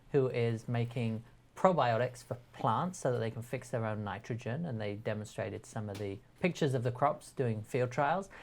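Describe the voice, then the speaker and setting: Stumbling, upbeat male web show host. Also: medium pitch. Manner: upbeat, stumbling over words. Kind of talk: live web show hosting.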